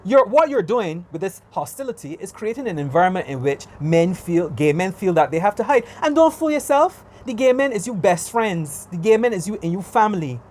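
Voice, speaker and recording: A man's voice: high-pitched, lively intonation, a little fast, few pauses, darkish tone. A man from Barbados with a Barbadian accent, ranting casually on his vlog, exasperated and emphatic, repeating his points. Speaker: vlogger. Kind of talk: casual rant.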